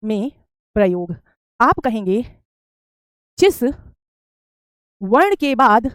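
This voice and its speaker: Woman, teacher, live online grammar class, fairly high voice, dry close sound, repeats answers back, question-and-answer drilling. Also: very animated, drawn-out words, a bit bright, no echo. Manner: repeats answers back, calls students beta.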